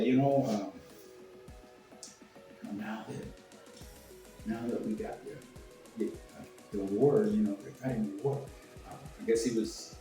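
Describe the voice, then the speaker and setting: An older man from Cuba, his voice mellow and medium in pitch, shares personal anecdotes casually, rambling in a salty manner and acting out people's remarks. The recording is echoey and distant-miked, with faint music behind him.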